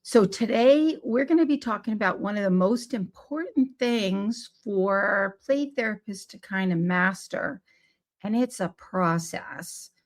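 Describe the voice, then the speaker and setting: A woman hosts a live-streamed podcast about play therapy while hoarse from laryngitis, so her voice comes out scratchy and squeaky. She stays animated, unhurried and friendly, making small self-corrections as she goes.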